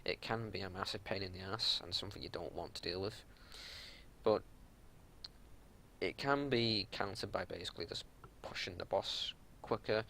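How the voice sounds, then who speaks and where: A raid leader gives unscripted gameplay commentary, laying out tactics matter-of-factly in a gravelly, pushed, bright voice. The home recording carries some low rumbling noise.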